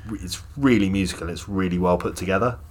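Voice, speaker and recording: A man with a deep, low voice talks music on a podcast in a loose, chatty way. He is enthusiastic and opinionated, and his thoughts tumble out as he goes. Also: quick pace. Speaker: podcast co-host. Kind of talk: casual music chat.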